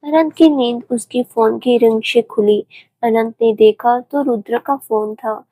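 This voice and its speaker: A woman narrates a romance story with gentle, even storytelling. Her voice sits a little high and moves at a slow, unhurried pace, and the recording is close and dry with no room sound. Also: no room sound, low-quality recording.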